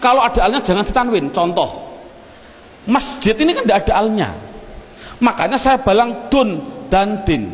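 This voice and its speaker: A man's voice: high voice, lively intonation, normal speed, in a large hall. A man teaching Arabic grammar as a classroom lecture, asking questions and answering them himself.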